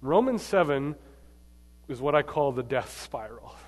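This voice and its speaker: Emphatic preacher in a reverberant hall. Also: male voice, mid-range voice, animated, measured pace. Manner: emphatic, swings between loud and quiet, quizzes the audience. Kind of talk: sermon to a live congregation. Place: large church hall.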